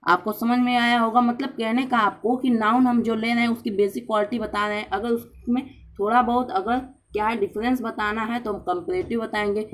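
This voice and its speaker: A woman explaining grammar in a patient lesson, often checking in with her listeners and repeating key points. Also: on the high side. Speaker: grammar teacher.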